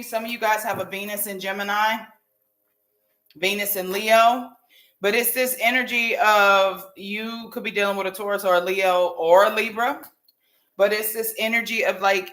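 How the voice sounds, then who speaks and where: Her mid-range, fairly bright voice carries through a roomy echo with light background noise as this American woman hosts a live tarot stream. The reading is casual and psychic-hotline style, and she addresses viewers directly, informal and full of slang.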